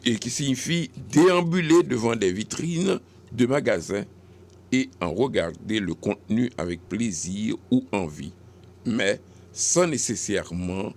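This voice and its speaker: A Haitian-accented man hosts a radio language segment at an unhurried pace. His voice carries a gravelly, creaky texture. He explains and corrects expressions patiently, with small hesitations. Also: on the low side, a little mellow, a little hiss or hum. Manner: didactic, correcting word by word, with hesitations. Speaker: radio host. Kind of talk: radio segment on French usage.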